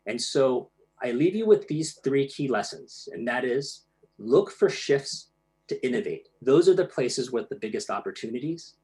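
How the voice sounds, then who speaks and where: A man's voice: mid-range voice, animated, moderate pace, warm tone. A man giving a presentation, explaining ideas plainly with casual fillers and restarts. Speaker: speaker giving a talk. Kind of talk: presentation to an online audience.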